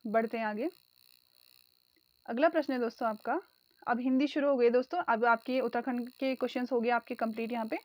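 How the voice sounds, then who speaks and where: Woman exam tutor, high pitch, dry close sound, drills answers. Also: fairly even intonation, brisk, a little mellow, no room sound. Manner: addresses viewers as friends, repeats key answers. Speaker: exam prep teacher. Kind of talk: online exam-prep lesson.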